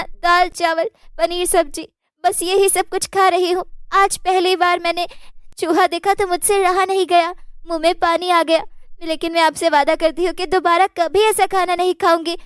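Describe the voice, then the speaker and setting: A woman's voice: extremely high pitch, fairly even intonation, moderate pace, no echo, studio quality. A woman voicing a sweet young daughter-in-law who pleads and apologizes. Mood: pleading.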